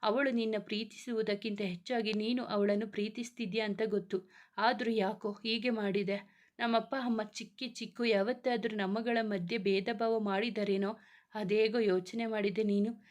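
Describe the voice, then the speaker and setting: A woman's voice: mid-range voice, fairly even intonation, moderate pace, close to an everyday voice. A woman reading as a scolding big brother. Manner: scolding, affectionate. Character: protective young man, scolding older brother. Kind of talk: storybook reading.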